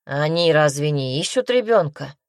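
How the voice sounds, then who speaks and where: A sarcastic, snappish herbalist witch, as an audiobook narrator puts her on, weary and sharp-tongued. Her voice sits fairly low and sounds dry and close to the mic. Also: lively intonation, normal speed, no echo.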